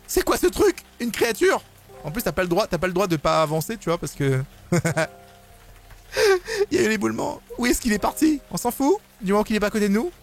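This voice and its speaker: A young man commenting on a horror game he is playing, excitable and slangy, yelping and screaming when scared. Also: high voice, a little fast, gravelly. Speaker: gaming YouTuber. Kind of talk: let's play commentary. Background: game music.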